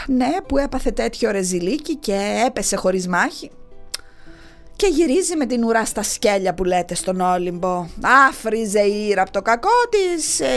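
A woman telling comic myths in a chatty, folksy way, talking straight to listeners. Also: medium pitch. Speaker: storyteller. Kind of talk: comic mythology storytelling.

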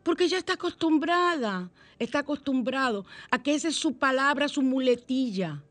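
A middle-aged woman hosting a motivational radio talk, telling stories warmly and acting out the voices she quotes. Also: sits high, normal speed, no echo. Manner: warm, animated storytelling with acted-out quotes. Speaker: radio show host.

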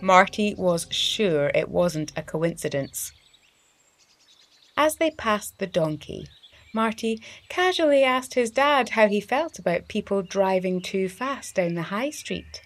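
With a mid-range voice, the host of a children's story series tells her tale slowly and carefully, bringing plenty of expression to it for young listeners.

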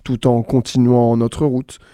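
A man's voice: mid-range voice, little pitch movement, unhurried, mellow, no room sound, studio quality, natural voice. A man voicing a reasonable comma in a read-aloud storybook, soothing and level. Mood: calm. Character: calm sensible comma, male.

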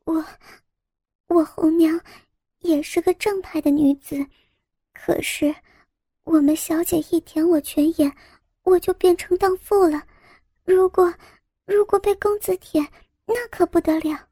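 A woman's voice: extremely high pitch, steady tone, measured pace, long pauses, dark tone, no room sound, studio quality, pitched above the performer's own voice. A woman doing a bashful, stammering young maid. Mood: bashful pleading. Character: shy young maidservant, bashful and pleading. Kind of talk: storybook role-play.

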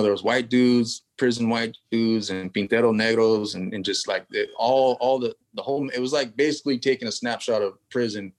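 Laid-back man telling stories. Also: medium pitch. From California. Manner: laid-back, street slang, rambling asides. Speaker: tattoo artist guest. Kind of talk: casual storytelling.

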